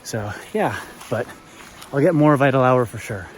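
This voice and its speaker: A man vlogging outdoors on a mountain hike, talking in a relaxed, rambling way with lots of fillers. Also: mid-range voice, normal speed, noisy background. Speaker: hiking vlogger. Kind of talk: casual trail narration.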